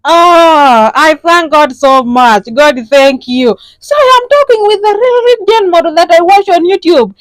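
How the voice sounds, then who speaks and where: A woman voicing a desperate, excited male caller who pleads for help in a comic phone-call skit. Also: very high-pitched, measured pace, hardly any pauses, no room sound, voice pushed up. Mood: pleading.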